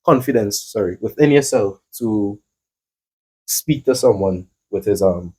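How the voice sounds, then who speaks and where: A man's voice: fairly low pitch, unhurried, a little mellow, husky. A male host asking questions in a playful, joking way. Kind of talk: casual interview chat.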